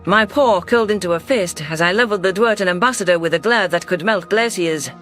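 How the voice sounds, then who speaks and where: This is scripted audiobook narration of a science-fiction tale, read by a man in a steady, deliberate manner. His voice is fairly high, and quiet music runs underneath.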